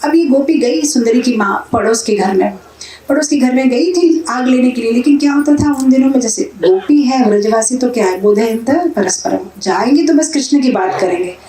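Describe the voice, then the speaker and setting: A woman speaker telling a devotional story in a lively, chuckling way in a temple hall. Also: fairly high pitch, moderate pace. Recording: roomy hall sound from a distance.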